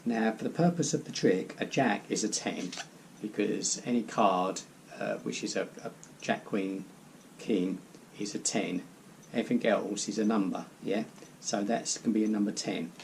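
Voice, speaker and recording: Male amateur magician, soft-edged low-key tone with fry, rambling card-trick patter, slightly noisy home recording. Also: normal speed. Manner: rambling, repeats phrases, self-deprecating asides.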